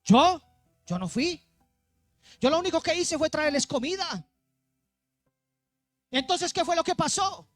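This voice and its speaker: A man's voice: very high-pitched, animated, unhurried, pauses often, a bit bright, soft background music. Emphatic male pastor preaching. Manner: emphatic, repetitive preaching with calls to the congregation. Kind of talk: sermon.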